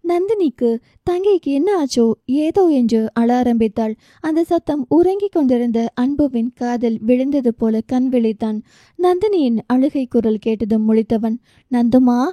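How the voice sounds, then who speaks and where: A woman's voice: high-pitched, lively intonation, normal speed, no echo, dull audio. A woman narrating a romance novel audiobook, reading with feeling and giving each character their own voice. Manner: emotive, voices dialogue with feeling.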